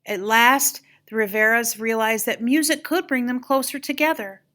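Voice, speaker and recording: A woman's voice: a little high, normal speed. An older woman with a grandmotherly voice reads a children's story aloud, expressively and with dramatic emphasis. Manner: animated, dramatic emphasis on exclamations and key moments.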